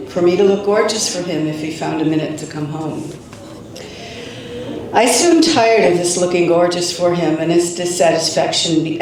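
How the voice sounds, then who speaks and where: An adult reading a novel passage aloud at a literary event, in a measured first-person style, recorded from a distance in a large venue. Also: mid-range voice, creaky, a little mellow, slight background noise. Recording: echoey hall, distant mic, faint ambience.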